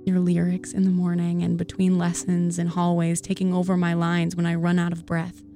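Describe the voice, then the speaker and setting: Give me a woman reading a love poem aloud, earnest and soft, with a warm, low voice and light music behind her. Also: completely flat delivery, normal speed. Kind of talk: spoken-word poetry reading. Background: faint background music.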